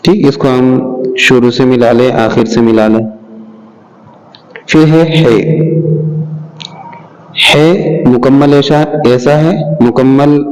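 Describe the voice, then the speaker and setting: Slow, patient male alphabet teacher. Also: mid-range voice, darkish tone, rough recording. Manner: patient, repeats and checks understanding. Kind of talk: slow step-by-step alphabet lesson.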